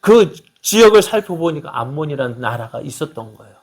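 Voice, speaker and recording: A man's voice: on the high side, big pitch swings, a little fast, a little mellow. A male pastor preaching a sermon, asking the congregation questions and answering them himself, and reading scripture aloud in a raised voice. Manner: acts out quoted mocking voices.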